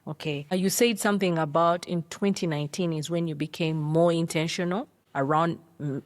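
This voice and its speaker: Calm woman podcast host asking questions. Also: sits low, brisk. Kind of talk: interview questions.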